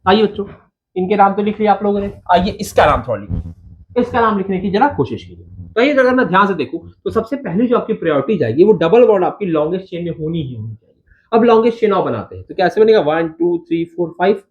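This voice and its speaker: Man teaching chemistry, fairly high voice, asks and answers his own questions, counts carbons slowly, dull lo-fi sound. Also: big pitch swings. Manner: addresses students as "bachcha" and "babu", asks and answers own questions. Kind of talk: Hindi-English lecture. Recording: dull lo-fi sound with faint noise.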